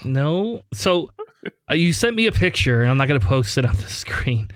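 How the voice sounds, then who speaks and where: A man's voice: mid-range voice, big pitch swings, moderate pace, no echo. A man hosting a tabletop game podcast in casual chat, joking and swearing now and then, his speech slightly slurred from a numbed sore throat. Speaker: podcast host.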